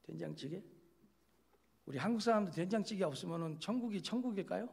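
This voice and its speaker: A man's voice: high voice, animated, fast talker, gravelly, a little mellow, husky. A male pastor giving a chatty, joking sermon, speaking straight to his listeners and acting out little quoted scenes.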